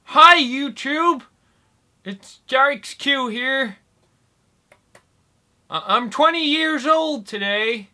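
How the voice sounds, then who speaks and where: Slow, halting young man in a vlog. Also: extremely high pitch, pushed and bright. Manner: slow, halting, mock-doddering talk with long pauses. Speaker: YouTuber. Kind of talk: comic vlog rambling. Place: small indoor room. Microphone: desk microphone in front.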